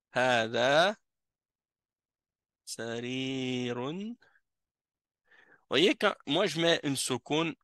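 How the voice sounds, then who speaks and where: A man's voice: mid-range voice, gravelly, pushed and bright, no echo, studio quality. A man teaching a classroom language lesson as an Arabic teacher, patiently repeating each word several times, recorded in a mosque classroom.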